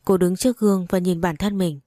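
A woman's voice: on the low side, fairly even intonation, brisk, dark tone, no echo, studio quality. A woman narrating a dramatic first-person story.

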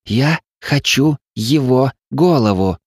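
A man's voice: brisk, a little mellow, dry recording, natural voice. A man voicing a furious woman scientist who has lost her body, shrieking with rage. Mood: enraged. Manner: shrill, screaming with rage.

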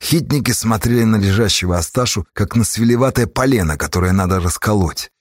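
A man narrating a dramatic audiobook, reading with intensity and sharp rises in pitch. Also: fairly quick, no room sound, studio quality.

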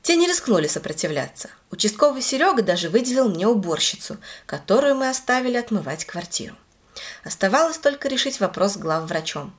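A woman telling a first-person story to her child in an emphatic, lively way. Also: mid-range voice.

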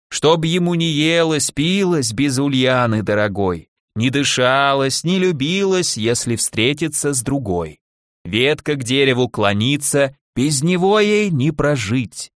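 A toothless old witch woman in a storybook, as a male reader puts her on, speaks slowly, drawing out every question. Her spells come out as a nasal mutter. The voice swings widely in pitch and sits dry and close to the mic. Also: no room sound, natural voice. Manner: slow, drawn-out questioning. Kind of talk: audiobook character voice.

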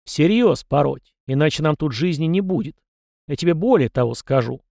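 A stern, barking army commander voiced by a man narrating an audiobook, lifting his voice high and loud to berate a foolish youth. The sound is close and dry, with no room around it. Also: animated, moderate pace, vocal fry, no room sound. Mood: scolding. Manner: barking, scornful, raises voice. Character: gruff middle-aged male army commander, stern scolding mentor. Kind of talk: audiobook character voice.

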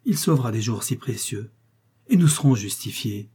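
A man's voice: medium pitch, animated, normal speed, dark tone, husky. A man voicing a solemn, grave young native husband.

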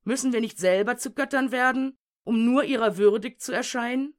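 A woman's voice: on the high side, voice pushed up, lightly acted. Woman declaiming as a frantic madman. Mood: anguished. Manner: declaiming in urgent, drawn-out questions. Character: frantic madman with a lantern, anguished, preaching. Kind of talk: dramatic audiobook reading.

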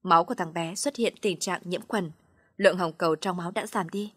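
Woman reading as a calm careful male doctor, measured, husky breathy, dry. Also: on the low side, no echo. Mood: grave.

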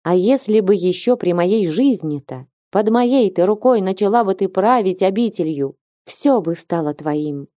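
A woman reading an audiobook and voicing an elderly abbess who speaks in a slow, grave, measured way. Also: medium pitch, expressive, dark tone, no echo, studio quality, lightly acted. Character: stern but loving elderly abbess.

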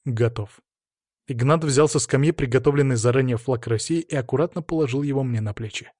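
A man narrating a story in the first person in a steady, measured way. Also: mid-range voice, no echo, clean studio sound.

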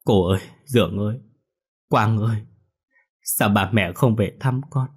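A man's voice: lowish voice, measured pace, husky. A man voicing the ghost of a young man who pleads tearfully with his family in a spoken ghost story. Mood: tearful pleading. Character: grieving young male ghost, sobbing and pleading.

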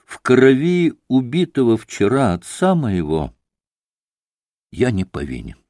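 A man's voice: medium pitch, huge pitch swings, slow pace, darkish tone, no echo. A man voicing an agitated young man under accusation in an audiobook drama, pleading and emotional. His voice rises and falls widely, and the sound is dry. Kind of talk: audiobook character reading.

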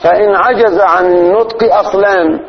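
A man, teaching religious law as a sheikh. He explains slowly, repeats phrases and demonstrates pronunciation. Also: high-pitched, fairly even intonation, highs cut off, a little hiss or hum. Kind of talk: religious lesson.

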